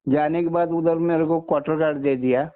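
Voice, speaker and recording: Over a tinny narrowband phone call, a retired soldier aged sixty-one from Maharashtra, India, recounts his own story, addressing the listener as sir constantly and respectfully. His slightly high voice is brisk with fairly even intonation.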